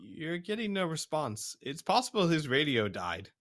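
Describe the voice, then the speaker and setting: A man running a tabletop game as game master, narrating casually in a halting, conversational way. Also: on the high side, sing-song, fairly bright tone.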